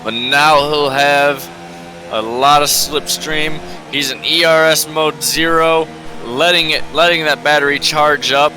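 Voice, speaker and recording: Bright, forceful male motorsport commentator. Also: on the high side, steady tone, a little slow, faint music behind. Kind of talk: live sim-racing commentary.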